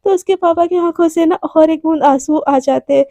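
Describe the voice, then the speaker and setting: A woman's voice: very high-pitched, a little fast, mellow, no room sound. A woman narrating a story in a casual, chatty way. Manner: informal, chatty.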